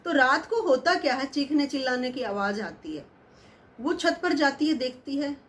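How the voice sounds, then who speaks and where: Woman telling a story, high voice, chatty, thinks out loud. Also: lively intonation, normal speed, slight background noise. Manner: chatty, musing aloud with fillers. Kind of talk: casual spoken storytelling.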